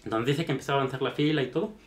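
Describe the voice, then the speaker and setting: A man's voice: mid-range voice, very fast. A man with a Mexican accent, casually retelling a story in a chatty, meandering way. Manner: chatty, meandering, tag questions. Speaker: vlogger. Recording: roomy echo.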